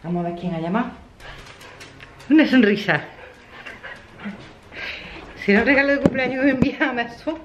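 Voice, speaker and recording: A woman's voice: on the high side, lively intonation, moderate pace, long pauses, dull audio, background noise. A woman, chatting casually in her vlog, laughing often and acting out what others said. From Spain. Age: 50s. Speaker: vlogger.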